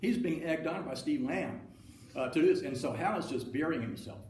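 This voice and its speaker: A man's voice: on the high side, expressive, normal speed, a little mellow. Guy telling a story at a seminar, echoey room, mic kinda far. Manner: folksy, anecdotal, acts out quoted dialogue. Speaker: seminar speaker. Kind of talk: storytelling talk to an audience. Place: meeting room with audience. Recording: roomy room, speaker far from mic, faint noise.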